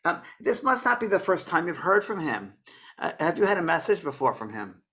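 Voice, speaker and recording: Man doing live psychic readings, bright edge to his voice, gentle and pleading. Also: a little high, sing-song, a little fast. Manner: earnest, coaxing, calls people honey and baby. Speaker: psychic medium.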